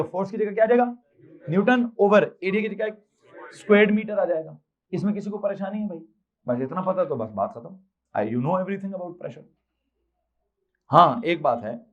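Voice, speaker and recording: A man's voice: sits high, highs cut off. A male physics teacher with a Pakistani Urdu accent, lecturing a class and firing off questions he answers himself. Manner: quizzing, answers his own rapid questions.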